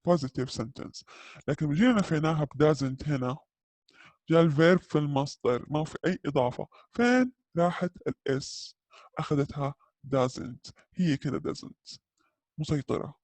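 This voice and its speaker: Slow-explaining man teaching grammar. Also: fairly high pitch, darkish tone, no room sound. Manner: slow, carefully spelled-out English examples; checks in often with listeners. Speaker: English teacher. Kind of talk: grammar lesson explained in Arabic.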